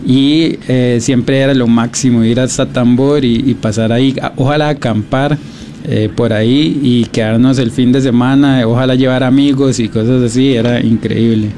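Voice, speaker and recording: A Costa Rican man being interviewed about his beach project, speaking thoughtfully with many pauses and restarts. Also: medium pitch, fairly even intonation, warm tone, a little hiss or hum. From Costa Rica. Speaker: guest, beach documentary project creator. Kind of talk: radio interview, casual.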